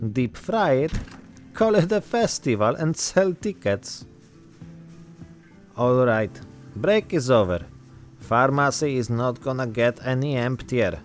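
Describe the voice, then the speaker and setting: A man voicing a weary immigrant zombie-apocalypse survivor, telling his story in short, deadpan, reflective phrases. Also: medium pitch. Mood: wry, weary. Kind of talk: narrated in-character role-play monologue.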